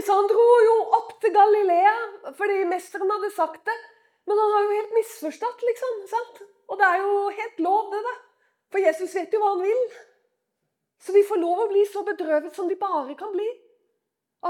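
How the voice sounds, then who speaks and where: A woman preaching a sermon in church in an emotional, conversational way, swinging from loud outbursts to hushed near-whispers and often asking the listeners to agree. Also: very high voice.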